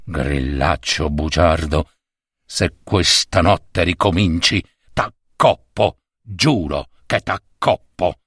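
Man doing a gruff, threatening peasant husband. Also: on the low side, expressive, a bit bright, no echo, studio quality, exaggerated voice. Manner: gruff, threatening, drawn-out words. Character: hot-tempered, violent peasant husband, middle-aged.

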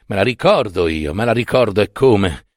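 A man's voice: lowish voice, expressive, normal speed, dry recording, studio quality, natural voice. A man voicing an indignant young male professor who scolds and mocks with emphatic reproach. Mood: scolding.

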